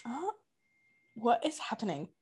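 A woman's voice: on the high side, very animated, measured pace, a little mellow, a little hiss or hum. A young adult woman co-hosting a podcast in casual chat, bubbly, playful and gushing. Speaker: podcast co-host.

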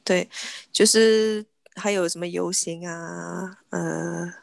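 A woman's voice: fairly low pitch, fairly even intonation, slow, gravelly, no room sound, studio quality. A woman co-hosting a casual chat. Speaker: podcast co-host.

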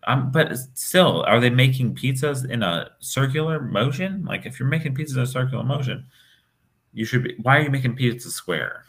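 A young man's mid-pitched, fairly bright voice moves expressively at normal speed. He's co-hosting a podcast, chatting casually in a rambling way with many fillers and restarts.

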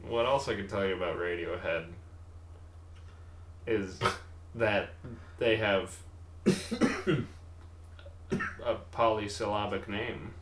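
Low, slow-talking man in an echoey room. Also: a bit bright, a little hiss or hum. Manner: rambling, laughs often, trails off mid-sentence. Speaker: podcast co-host. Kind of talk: casual chat.

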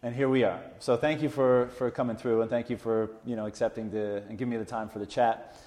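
A man's voice: mid-range voice, steady tone, fast talker, darkish tone. Casual male interviewer in echoey room. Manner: casual, rambling questions. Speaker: interviewer host. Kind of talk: conversational interview.

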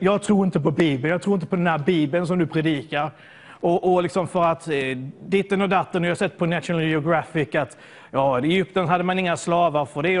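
Male preacher from southern Sweden, high voice, storytelling sermon delivery with restarts. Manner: storytelling, repeats words when searching.

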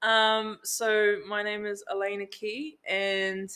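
Bright-voiced New woman. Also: mid-range voice, slow. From New Zealand. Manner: relaxed storytelling with many fillers. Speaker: guest, event business owner. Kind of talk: casual podcast interview.

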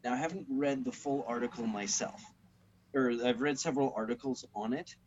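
A man hosting a casual podcast about tabletop games, talking in a relaxed, rambling way and correcting himself as he goes. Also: medium pitch, brisk, lo-fi sound, slight background noise. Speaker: podcast host.

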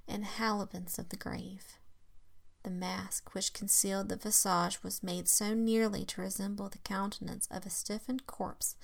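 A woman reading a classic tale aloud in a hushed, half-whispered voice, with slow, dramatic phrasing and occasional slips. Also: mid-range voice, gravelly. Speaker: reader.

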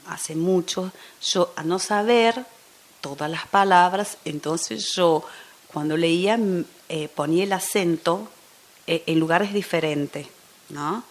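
A woman guest, a teacher, talking through an interview in a thoughtful way and often dropping into soft near-whispers. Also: lowish voice. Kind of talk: casual interview chat.

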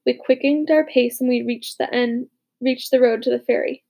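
A woman narrating a war story as a young soldier, with dramatic, hushed, urgent delivery in the dialogue. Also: on the high side, steady tone, moderate pace, gravelly. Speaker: narrator voicing a boy soldier. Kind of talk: audiobook narration.

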